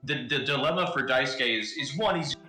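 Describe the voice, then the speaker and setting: Guy on a voice call keeps cutting out, bad connection, halting and repeating himself, bright echoey sound. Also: mid-range voice. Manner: halting, repeats words while explaining. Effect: voice cutting out over a bad connection. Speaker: tabletop game player. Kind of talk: casual chat on a group voice call.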